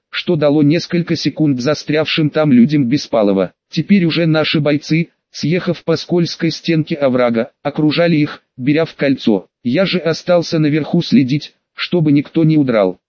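A man reads an audiobook in the first person, his voice sitting a little higher than most men's. The delivery is steady and measured. The recording is dry, with no room sound, and a little dull in the highs. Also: no echo. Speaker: audiobook narrator. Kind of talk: first-person scripted narration.

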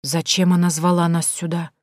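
A timid young woman, read by a woman narrator in an audiobook, whispering nervously but eager to explore. Her voice sits low and sounds dry and close. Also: flat delivery, normal speed, no echo, natural voice. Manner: hushed, nervous. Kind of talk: audiobook character voicing.

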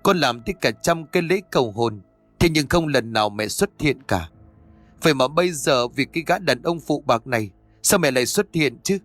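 A man voicing a bitter, vengeful young woman who speaks in an accusing, sharp, pleading way. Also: medium pitch, lively intonation, moderate pace, no echo, faint music behind, lightly acted. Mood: anguished.

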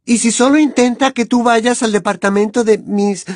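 A woman's voice: a little high, steady tone, moderate pace, a little mellow, dry recording, clean studio sound, lightly acted. A woman voicing a clever, anxious teenage girl witch who talks with urgent earnestness. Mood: urgent, pleading.

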